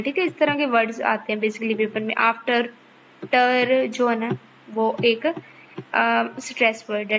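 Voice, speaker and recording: A woman teaches her class in a fairly high voice. She walks patiently through each point and keeps pausing to make sure the students follow. The recording is muffled and lo-fi, with a faint hiss behind it. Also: a bit bright. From Pakistan. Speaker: online course teacher. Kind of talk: explanatory lecture to students.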